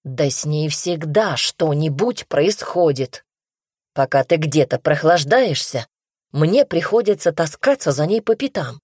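A woman voicing a sullen, mocking young brother who speaks curtly and slowly, in a low, husky voice. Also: expressive, darkish tone, no room sound, clean studio sound. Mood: irritated. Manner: curt, sarcastic, slow.

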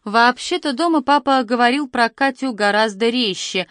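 A woman narrating a family story in the first person, lively and expressive. Her voice sits at a middle pitch, and the recording is dry and close with no room sound. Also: normal speed, no room sound. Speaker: audiobook narrator.

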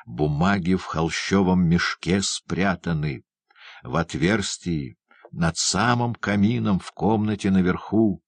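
A man voicing a raving, terrified old male prisoner, bursting out shrill and frantic. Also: takes it slowly, gravelly, no echo, full character voice. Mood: pleading, frantic. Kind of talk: audiobook character voice.

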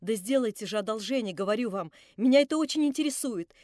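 Brief: earnest, indignant young gentleman in a storybook reading, voiced by a woman; pleading, sincere. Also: fairly high pitch, lively intonation, quick pace, no echo, studio quality, close to an everyday voice. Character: indignant young male narrator-hero.

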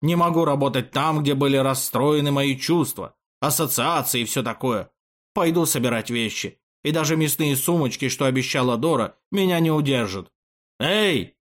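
Guy doing a wailing upset artist, high and loud, super dramatic storybook voice. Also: normal speed, close to an everyday voice. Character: distraught wailing middle-aged male artist.

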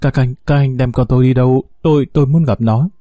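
A man's voice: mid-range voice, steady tone, fast talker, warm tone, no room sound, studio quality, lightly acted. A man putting on a frantic young mother. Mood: frightened. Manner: stammering, pleading, accusing.

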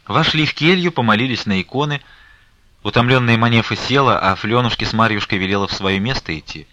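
A man narrating a literary audiobook in a measured, expressive reading. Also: medium pitch, no echo.

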